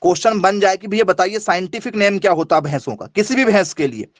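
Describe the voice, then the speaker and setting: A middle-aged man with a fairly high voice teaches an exam coaching class. He quizzes his students and then supplies the answers himself, repeating key facts so they stick. The sound is close-miked and dry. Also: expressive, fast talker, no echo. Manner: asks questions and answers them himself, repeats key points. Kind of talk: online exam coaching lesson.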